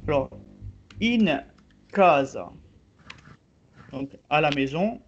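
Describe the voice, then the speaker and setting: Slow, halting man teaching a class. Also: on the high side, animated, a little hiss or hum. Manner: slow, halting explanations with many fillers. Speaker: Corsican language teacher. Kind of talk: online group language class. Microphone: video call. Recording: slightly muffled video call audio.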